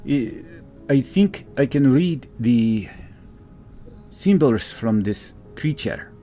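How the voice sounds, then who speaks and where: A man voicing a face-painted elf woman in a put-on Russian accent, halting and tagging questions. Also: mid-range voice, animated, mellow, soft background music, voice pushed up. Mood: earnest. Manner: halting, with "da" and "yes?" tags.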